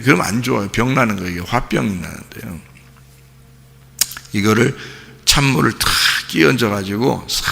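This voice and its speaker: Gravelly-voiced man preaching a sermon. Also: medium pitch, bright, forceful tone, in a large hall. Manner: emphatic, asks the congregation questions. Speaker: pastor.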